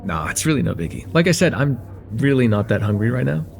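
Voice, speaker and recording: A man with a medium-pitched, very animated voice and some vocal fry speaks fast while playing a friendly, chatty young guy at a cafe in an ASMR roleplay. He sounds casual, friendly, curious and slightly hesitant, with faint background noise.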